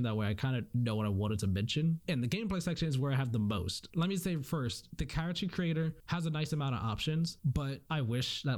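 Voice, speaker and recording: A man's voice: mid-range voice, darkish tone. A man chatting casually on a podcast, rambling through his opinions with lots of fillers and restarts. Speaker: podcast panelist reviewing a game.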